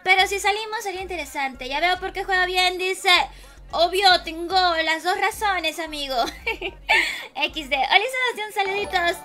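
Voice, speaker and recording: Woman, hoarse, very high-pitched, gaming livestream host, affectionate casual chat, faint background music. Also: moderate pace, bright, forceful tone. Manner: affectionate, greets viewers by name and blows kisses. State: hoarse, losing her voice.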